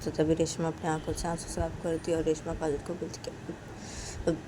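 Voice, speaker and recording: Low-voiced woman telling a story. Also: monotone, moderate pace, mellow, a little hiss or hum. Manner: simple, repetitive linking phrases. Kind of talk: casual spoken storytelling.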